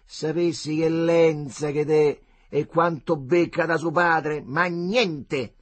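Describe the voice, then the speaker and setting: A man voicing a fat, brash, middle-aged Roman landlady with a loud, theatrical Roman accent. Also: fairly high pitch, fairly even intonation, slow, pitched above the performer's own voice. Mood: chatty.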